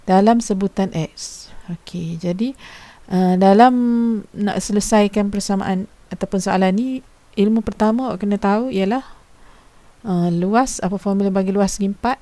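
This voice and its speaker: Woman teacher for a recorded lesson: mellow, dry close sound, patient and explanatory, casual asides. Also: mid-range voice, no echo. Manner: patient explaining, poses questions to students; informal teacher's speech with frequent fillers.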